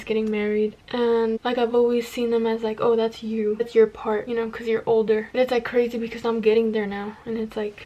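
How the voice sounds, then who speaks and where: A woman's voice: a little high, warm tone, a little hiss or hum, poor audio. A woman of about nineteen chatting casually as a beauty vlogger, rambling off on tangents in slangy, self-deprecating talk with casual swearing. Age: 19, about to turn twenty. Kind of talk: casual get-ready-with-me chat.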